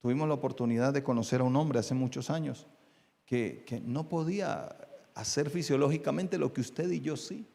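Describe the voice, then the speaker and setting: A man's voice: medium pitch, moderate pace, gravelly. A male pastor with a Colombian Spanish accent preaching a sermon to his congregation. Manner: preaching with rising intensity, then quieter and confiding. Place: church. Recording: long church hall reverb.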